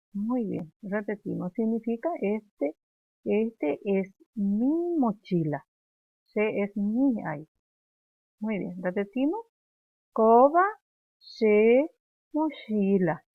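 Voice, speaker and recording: A woman teacher speaks slowly and patiently, modeling each word for children to repeat. Her voice comes through a thin, phone-like line, close and dry with no room around it. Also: mid-range voice, no room sound. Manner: slow, patient, models words for pupils to repeat. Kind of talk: remote first-grade language lesson.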